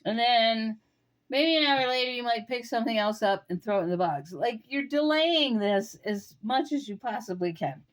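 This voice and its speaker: A woman giving an intuitive tarot reading, musing and talking straight to the listener with pauses and fillers. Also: on the high side, expressive. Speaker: tarot reader.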